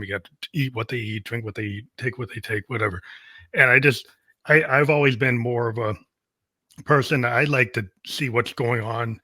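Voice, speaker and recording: A man's voice: mid-range voice, bright, forceful tone, husky, dry recording. A man hosting a podcast interview, talking in a rambling way, repeating words and saying "like" often. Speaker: podcast host.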